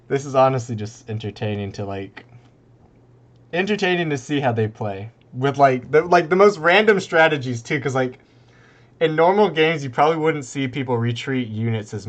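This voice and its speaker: A relaxed esports caster talks through a live strategy game match in a medium, everyday register. His commentary is casual, laid-back and rambling, full of "like"s and fillers, with frequent chuckles between thoughts.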